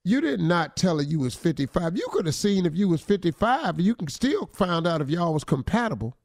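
A man with a high, bouncing voice that swings widely as he talks. He gives playful relationship advice on a talk show and mockingly quotes the letter writer. The sound is close and dry. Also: very animated, fairly quick, dry recording. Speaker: radio show co-host giving advice. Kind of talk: comic relationship advice chat.

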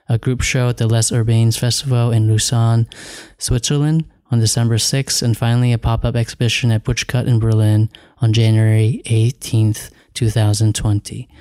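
A man's voice: medium pitch, dark tone, dry recording, clean studio sound. A man hosting a podcast, introducing a guest and asking questions informally, with some hesitation. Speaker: podcast host.

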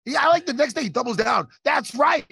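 A man hosting a casual podcast chat, animated and profane, given to laughing and telling stories. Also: very high voice, rapid-fire, gravelly, breathy edge. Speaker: podcast host.

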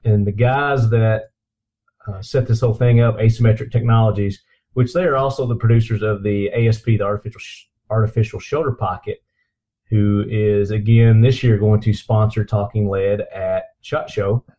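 A man's voice: lowish voice, steady tone, moderate pace, dark tone. A man hosting a podcast in enthusiastic casual chat, recorded through a computer's built-in microphone. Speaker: podcast host. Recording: dull lo-fi computer microphone pickup.

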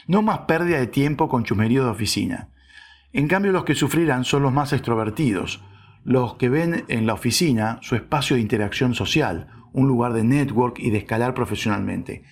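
Male narrator, mid-pitched, scripted commentary, wry and sarcastic, faint music bed.

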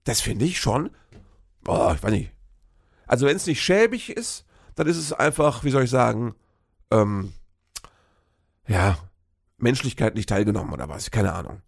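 A man's voice: mid-range voice, lively intonation, normal speed, creaky, pauses often, husky. A man in a casual, rambling political rant, sarcastic and full of fillers and restarts.

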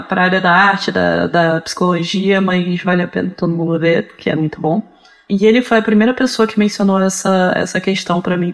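Male podcast guest, cracking reedy voice, mid-pitched between male and female, halting and reflective. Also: a bit bright. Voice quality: cracking, reedy voice from early gender transition. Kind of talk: casual, reflective advice and personal account.

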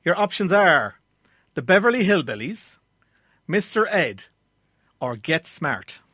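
A man's voice: a little high, big pitch swings, takes it slowly, pushed and bright, slightly rough, no echo, studio quality. An Irish-accented man presenting a radio quiz show as its host. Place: radio studio.

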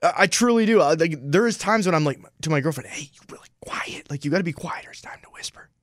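Speaking quickly and with animation, this young sports radio co-host keeps things relaxed, drifting through casual chatter. His voice is fairly high, and the studio-quality recording, made on a studio mic with headphones, has no echo.

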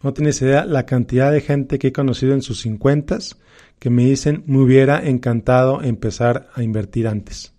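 Male financial presenter, Mexican accent. Soft-edged, relaxed tone, mid pitch, emphatic advisory delivery with repeated key phrases. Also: moderate pace. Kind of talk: motivational personal finance talk.

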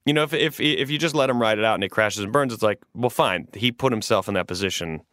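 A man's voice: on the low side, fast, a bit bright, no echo, clean studio sound. A man in his late thirties co-hosting an advice podcast, talking things through earnestly in a rambling, restarting way. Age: 30s. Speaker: podcast co-host giving advice. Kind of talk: casual advice chat.

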